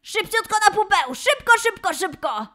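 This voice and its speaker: A woman voicing a cheery male lion mascot who leads a children's dance and gymnastics class, calling out poses with excited, drawn-out cheers. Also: extremely high pitch, full character voice. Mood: cheerful. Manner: excited, sing-song cheering, drawn-out calls. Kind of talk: children's exercise instruction.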